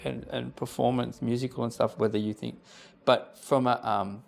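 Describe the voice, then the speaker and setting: A man's voice: mid-range voice, flat delivery, normal speed, gravelly. A man hosting a casual interview, thinking aloud in loose, rambling fragments. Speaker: podcast host.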